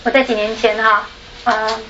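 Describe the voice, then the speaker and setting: A woman's voice: a little high, level tone, moderate pace, background noise. A woman from Taiwan with a Taiwanese Mandarin accent, telling a personal story in a chatty way as a panel speaker. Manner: chatty, tags sentences with a soft particle, laughs often. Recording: echoey room, dull sound.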